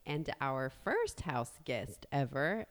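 A woman of forty in casual chat as a podcast host, speaking in an expressive, effusive way. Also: extremely low pitch, takes it slowly. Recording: long hollow reverb.

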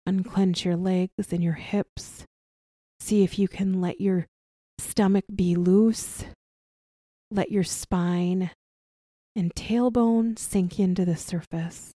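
A woman leading a guided body relaxation as an instructor, speaking softly and soothingly with long pauses between short phrases. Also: on the low side, steady tone, dry recording, clean studio sound. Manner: soft, gentle, soothing delivery with long pauses. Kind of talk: guided somatic relaxation practice.

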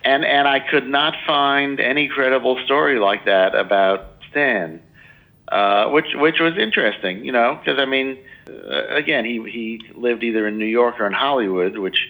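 A man's voice: mid-range voice, moderate pace, phone-quality sound. A man in his sixties, a biographer answering interview questions in a loose, rambling way full of "you know" and restarts. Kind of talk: casual interview talk.

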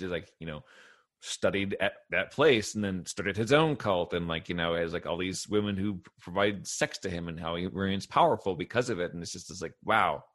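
Man, thirties, lowish voice, casual podcast co-host, loose filler-heavy chat. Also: fairly bright tone. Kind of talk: casual chat about a cartoon.

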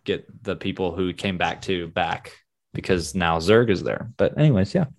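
A man's voice: low voice, normal speed, creaky. Laid-back man, casual podcast chat. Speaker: podcast co-host.

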